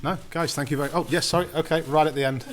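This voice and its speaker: A man moderating a press conference, brisk and businesslike as he calls on reporters. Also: on the high side, fairly even intonation, music in the background.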